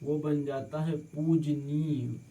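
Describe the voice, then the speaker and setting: Dark-toned man teaching spelling slowly. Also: a little high, steady tone. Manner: slow, drawn-out word by word correction. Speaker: exam-prep teacher. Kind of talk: spelling lesson for exam prep.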